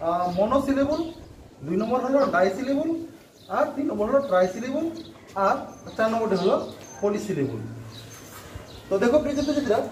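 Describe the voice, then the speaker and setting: A man teaching a grammar lesson to students, explaining patiently, repeating points and often pausing with fillers and asking if they follow. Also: very high voice, a little mellow. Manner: repetitive, frequent filler "ah", checks "okay?". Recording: roomy, distant mic, faint background noise.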